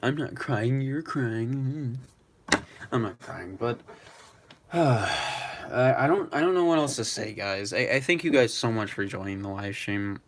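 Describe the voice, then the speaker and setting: A young man live streaming, talking in a rambling, halting way with many restarts. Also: lowish voice, lively intonation, a little hiss or hum. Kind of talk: emotional live-stream tribute chat.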